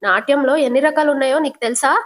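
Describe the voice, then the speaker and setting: A haughty young sister-in-law talks down to the family, put on by a woman narrator. Her voice sits a little high. The tone is condescending throughout. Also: fast, lightly acted.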